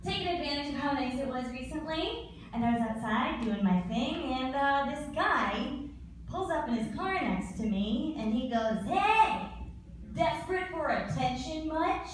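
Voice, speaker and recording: A young American woman doing a stand-up comedy set, deadpan and blunt, swearing freely. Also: high voice, moderate pace. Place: comedy club stage. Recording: echoey room from a distance, noisy.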